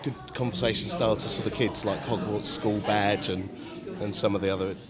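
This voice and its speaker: Low-voiced man interviewed amid crowd chatter. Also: steady tone, a little fast. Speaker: town crier. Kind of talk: casual interview answers. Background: crowd in an outdoor town setting.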